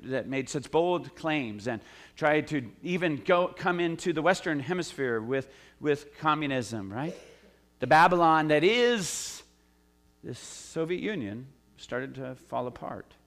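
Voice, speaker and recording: A man's voice: mid-range voice, expressive, takes it slowly, fairly bright tone. A middle-aged man from the United States, a pastor giving a sermon in a conversational way, with asides and frequent "uh" fillers.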